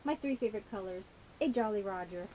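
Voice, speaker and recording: A woman's voice: mid-range voice, quick pace, dark tone, a little hiss or hum. A woman vlogger chatting casually about her shopping haul, giggling often and rambling with lots of fillers, her tongue a little burnt. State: burnt tongue, slightly slurred. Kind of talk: casual rambling chat to camera.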